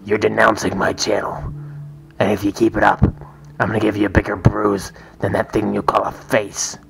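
A man's voice: fairly low pitch, completely flat delivery, normal speed, vocal fry, faint music behind. A man voicing a scheming, vengeful talking banana with a put-on Mexican accent in a homemade comedy sketch, often dropping to a sinister whisper. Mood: threatening. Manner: hushed, sinister whispering asides.

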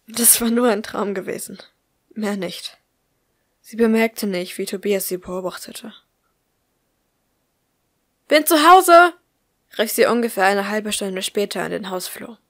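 A woman reading a story aloud as an audiobook in a calm, even manner. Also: mid-range voice, dry recording. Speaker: audiobook reader. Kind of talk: scripted narration of fan fiction.

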